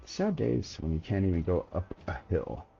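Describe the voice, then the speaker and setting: A man's voice: sits low, big pitch swings, moderate pace, vocal fry, dark tone, lo-fi sound, a little hiss or hum. A man giving casual gameplay commentary as a streamer, laid-back and chatty, slangy, talking to his chat. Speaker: game streamer.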